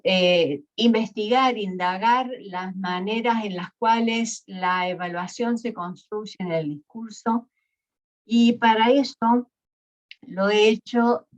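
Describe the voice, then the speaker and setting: A woman from Argentina, giving an academic lecture in a measured way, with fillers and self-corrections. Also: medium pitch, highs cut off. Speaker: guest lecturer.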